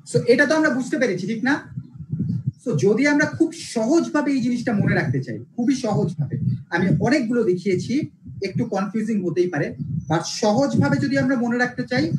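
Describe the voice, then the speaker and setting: Casting note: Bengali-accented online teacher, animated pitch, repetitive and checking in, with a faint noise floor. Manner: repetitive, checks understanding with "alright?". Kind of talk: live online class, code-switching lecture.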